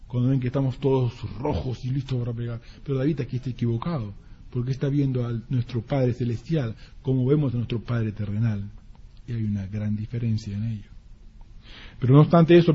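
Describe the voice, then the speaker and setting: A man preaching a sermon to his congregation, animated, acting out parents and children in quick asides. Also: medium pitch, lo-fi sound, a little hiss or hum.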